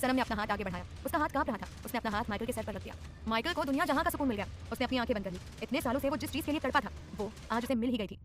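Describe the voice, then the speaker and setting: Fast-talking woman narrating an audio story. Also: fairly high pitch, animated, soft background music.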